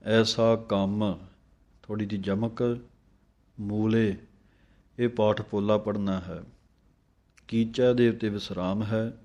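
Low flat male voice, recitation teacher, chants phrases slow then corrects them quick. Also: highs cut off. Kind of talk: line-by-line recitation lesson.

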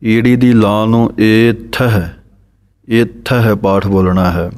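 A man teaching the pronunciation of scripture recitation. He chants each verse slowly, then explains how every word should be said. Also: on the low side, darkish tone, clean tone.

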